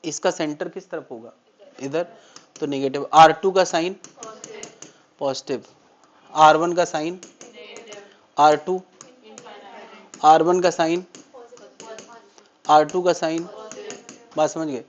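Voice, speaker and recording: A high-pitched man lecturing a physics class. He poses questions to his students and answers them himself. The recording is dull and lo-fi. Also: steady tone, slow pace, pauses often. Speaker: physics teacher.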